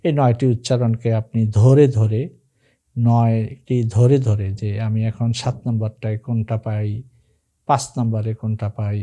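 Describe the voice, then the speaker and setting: A man with Bengali as his first language teaching an Arabic grammar lesson, reciting word forms in a slow chant and then explaining them plainly to his students. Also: on the low side, little pitch movement, mellow.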